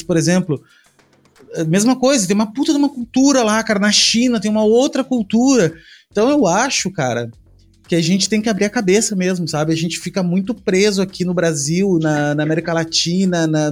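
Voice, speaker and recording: A man's voice: high-pitched, brisk, soft background music. A man chatting casually, rambling with slang, restarts and fillers. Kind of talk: casual chat.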